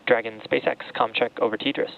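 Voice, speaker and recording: A man's voice: mid-range voice, fairly even intonation, fast talker, creaky. A man on astronaut radio from mission control, making formal procedural call-outs. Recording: muffled narrow-band radio with hiss.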